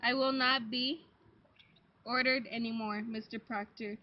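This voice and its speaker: A woman playing a self-important, defiant young servant girl in an amateur sock puppet play, declaiming haltingly. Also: on the high side, fairly even intonation, natural voice. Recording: dull, noisy lo-fi home recording.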